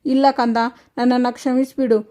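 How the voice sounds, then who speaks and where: A man's voice: very high-pitched, flat delivery, normal speed, mellow. A woman voicing a stern middle-aged father, a former police officer, firm yet tender with his daughter, in a retold television serial.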